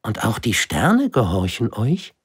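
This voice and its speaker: A man's voice: on the low side, huge pitch swings, unhurried, slightly rough, no echo, clean studio sound, pitched above the performer's own voice, heavily acted. A man voicing a shy, polite little prince in a storybook, asking timid questions. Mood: shy, wondering.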